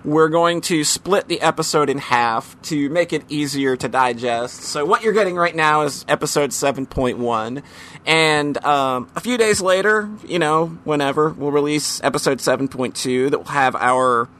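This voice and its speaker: Bright-voiced man hosting a podcast. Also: a little high, normal speed. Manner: loose and rambling, full of ums and casual swearing. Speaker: podcast host. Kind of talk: casual podcast chat.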